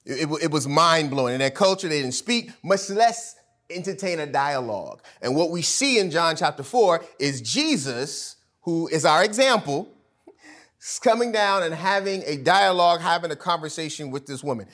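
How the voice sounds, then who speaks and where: A man preaching a sermon as pastor, emphatic and casual, swinging from loud peaks to hushed drops, with fillers and self-corrections. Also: a little high, lively intonation, normal speed. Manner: preachy, emphatic, rising to loud peaks and dropping to near-whispers.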